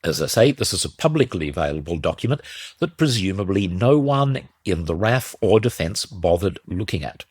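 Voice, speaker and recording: Deep, congested man. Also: very animated, normal speed, a little mellow, slightly rough, no room sound, clean studio sound. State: muffled and congested from a slight cold. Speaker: podcast host. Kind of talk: solo podcast commentary on defence.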